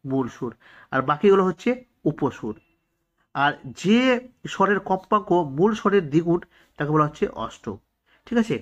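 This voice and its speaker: A man's voice: fairly high pitch, animated, moderate pace, long pauses, dull audio. A man with a Bengali accent teaching an exam-prep science lesson, repeating each key answer to drill it in. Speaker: quiz teacher.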